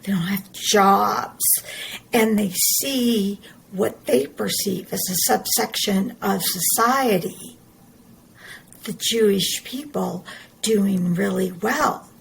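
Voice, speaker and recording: A woman's voice: mid-range voice, slow pace, vocal fry, slight background noise, low-quality recording. A middle-aged woman, talking earnestly and emphatically in a personal monologue, often repeating her words. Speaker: podcast host.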